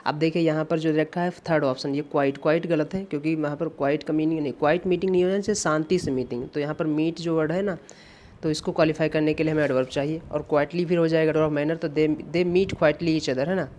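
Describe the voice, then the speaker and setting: A man's voice: fairly high pitch, fairly even intonation, fairly quick, a little mellow. A man teaching English grammar for competitive exams, explaining in Hindi mixed with English and repeating key points. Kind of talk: exam-prep grammar lesson. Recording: faint background noise.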